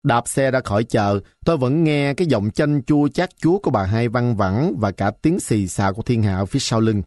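Brief: male storyteller, mid pitch, dry close-miked read. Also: fairly quick, darkish tone, no room sound. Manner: vivid, colloquial storytelling. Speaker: narrator. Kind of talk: storytelling narration.

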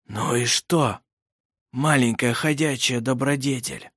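A cold, menacing man, as a male narrator puts him on, barking curt commands in a lifeless, monotone, hoarse rasp. It is an audiobook character voice. The sound is dry and close. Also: medium pitch, slow, no echo.

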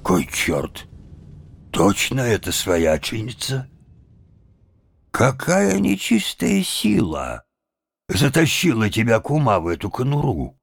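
A man's voice: mid-range voice, wildly swooping pitch, slow, vocal fry, pauses often, breathy edge, no room sound, clean studio sound, full character voice. A man voicing a blustering older village head who barks commands in a storybook reading. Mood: bewildered.

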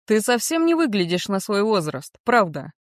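A woman's voice: mid-range voice, very animated, moderate pace, no room sound, studio quality, natural voice. A woman reading as an earnest young man. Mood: earnest, warm. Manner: sincere, gently persuasive. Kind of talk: audiobook character reading.

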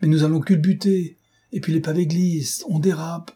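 A man's voice: mid-range voice, moderate pace, darkish tone, breathy edge, natural voice. A man voicing a panicky young chauffeur in an audiobook, alarmed and pleading. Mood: panicked.

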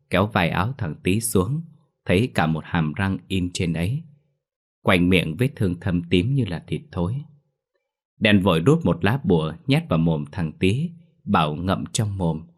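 A man narrating a ghost story in a steady, even reading voice. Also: low voice.

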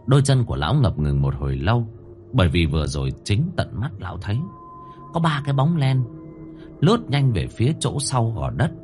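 Man, horror story narrator, lowish voice, lively dramatic delivery, faint music behind. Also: a little fast. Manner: expressive, dramatic.

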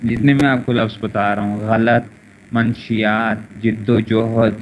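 A man's voice: fairly low pitch, fairly even intonation, darkish tone. A man with a Pakistani Urdu accent giving an online grammar lesson, repeating words and drilling conjugations over and over. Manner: repetitive, drilling word pronunciations and conjugations. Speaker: teacher of Arabic morphology. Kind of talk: online classroom lecture. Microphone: internet voice chat room. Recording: lo-fi voice chat with faint noise.

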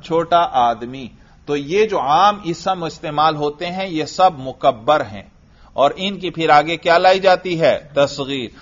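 A man's voice: on the high side, expressive, fairly bright tone. A man teaching grammar in a classroom, quizzing and patiently praising a student. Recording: dull lo-fi recording.

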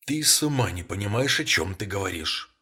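A man with a husky voice playing a weary, frightened old father who talks hushed and halting, in a storybook reading. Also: fairly low pitch, animated, heavily acted. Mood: grim. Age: older. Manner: hushed and halting, bursting out in alarm.

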